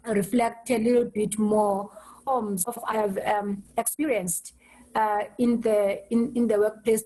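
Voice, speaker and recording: A woman hosting an online meeting over a video call, speaking haltingly and restarting her words often. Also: fairly high pitch, warm tone, rough recording. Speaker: host.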